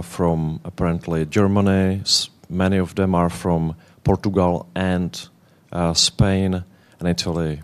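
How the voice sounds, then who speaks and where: A man in his thirties speaks with a Czech accent, his voice sitting very low. He gives a conference presentation in non-native English, pausing and restarting as he searches for words. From Czech Republic.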